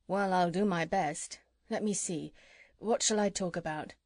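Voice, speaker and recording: A woman voicing a gentle, polite male animal doctor, speaking softly and courteously in a storybook. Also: on the low side, a little slow, no echo, studio quality. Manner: soft-spoken, courteous.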